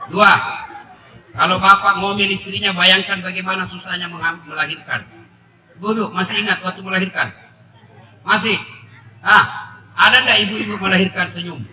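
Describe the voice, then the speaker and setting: A middle-aged man preaching a humorous sermon to a live crowd, animated and breaking into shouts. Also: high voice, normal speed, pauses often. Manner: jokey, animated, bursts into shouting. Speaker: Islamic preacher. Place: public gathering with live audience. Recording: echoey and distant with crowd noise. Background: audience laughter and ambient noise.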